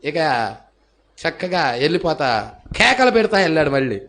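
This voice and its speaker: High, gravelly, fiery preaching man. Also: very animated, moderate pace. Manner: preaching with sudden shouts and hallelujahs; acts out characters' voices in his storytelling. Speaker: pastor. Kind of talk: fiery sermon with acted-out story.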